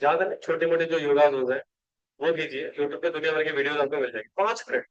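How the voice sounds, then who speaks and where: A man's voice: on the high side, fast talker, highs cut off. A male company law teacher, giving a classroom lecture and coaching students rhetorical questions.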